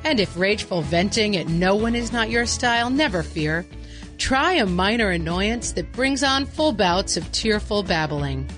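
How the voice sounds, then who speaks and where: A woman playing a mock-earnest infomercial announcer, deadpan and salesy, in a scripted parody ad. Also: medium pitch, normal speed, soft background music, natural voice.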